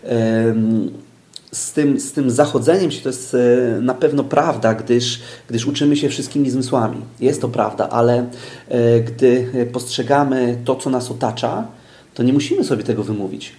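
Guy explaining speed reading slowly w/ lots of ums, warm low tone, echoey room. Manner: explains patiently with everyday examples, many hesitations. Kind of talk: explanatory interview talk.

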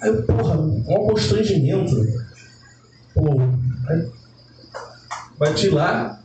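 A man's voice: slow, noisy background. A man telling a profane comic story at a live show, acting out quotes with big jumps in his voice. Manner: animated, profane, jumps in pitch to act out quotes. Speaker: comedian podcast host. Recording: very echoey live room, distant mic, music behind.

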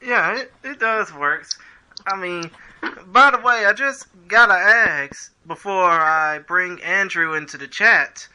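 A man hosts a casual interview show in an easygoing way. His voice is high and very bright. He laughs often and says his words twice as he leads the chat. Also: slow pace, clear, resonant tone, low-quality recording.

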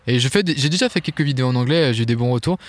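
Fast-talking animated French man. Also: mid-range voice, no room sound. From France. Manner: fast, loose and animated, many fillers and restarts. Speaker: guest, online Irish music teacher. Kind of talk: casual interview chat.

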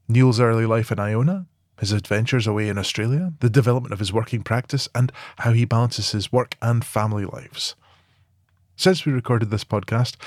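A man hosting a podcast, reading his introduction in an earnest, clear way. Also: medium pitch, a little mellow, no echo, clean studio sound. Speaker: podcast host.

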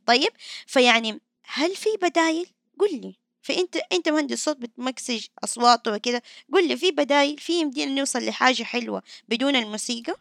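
A woman hosting a podcast interview, asking direct questions in a lively, casual way. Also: sits high, fast, creaky, no echo, studio quality. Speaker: podcast host.

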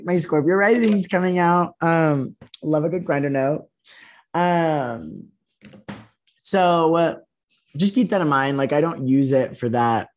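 Young male host, casual profane chatter, losing his voice, lots of "um"s. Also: a little high. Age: young adult. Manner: casual and profane, with many fillers. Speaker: podcast host. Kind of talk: casual chat.

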